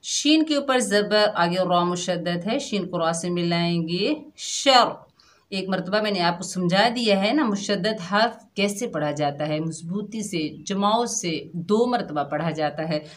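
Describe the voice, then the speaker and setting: A woman's voice: fairly low pitch, unhurried, hardly any pauses. A woman teaching Quran recitation rules to children, patiently explaining each rule step by step and then drawing out the practice syllables. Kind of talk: slow children's recitation lesson.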